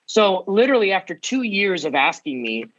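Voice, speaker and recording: A man in his forties from the United States, a podcast guest telling his story with energy and quick asides. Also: sits high, very animated, a bit bright, lo-fi sound. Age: 40s. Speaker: guest, ministry founder. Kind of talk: podcast interview.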